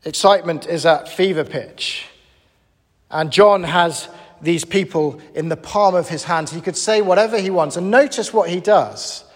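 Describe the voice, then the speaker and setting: Animated preacher in an echoey hall. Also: male voice, high-pitched, moderate pace. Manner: animated, conversational, emphatic. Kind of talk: sermon.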